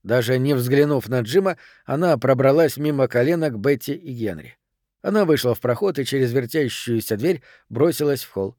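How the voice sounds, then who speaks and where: A man narrating an audiobook in a steady, even reading voice. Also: medium pitch, normal speed, dry recording, clean studio sound. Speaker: audiobook reader. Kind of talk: scripted narration.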